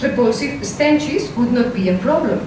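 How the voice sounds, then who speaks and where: Speaking at a workshop in a lecture room, a female philosopher with a heavy Spanish accent sounds animated yet measured and careful, with hesitant fillers creeping in when she goes off script. Her slightly high voice is picked up from afar, and the hall's strong echo comes through along with noticeable noise.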